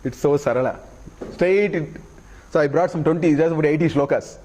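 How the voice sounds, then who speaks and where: This Vedanta teacher leads a scripture class in a fairly high, slightly mellow voice. He recites Sanskrit verses slowly and deliberately and explains each one plainly, often pausing to ask "okay?" before continuing.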